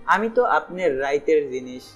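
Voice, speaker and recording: A man voicing a devoted young village woman in an audiobook, with soft, imploring rustic speech. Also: on the high side, expressive, normal speed, slightly rough, highs cut off, faint music behind. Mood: tender. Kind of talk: audiobook character voice.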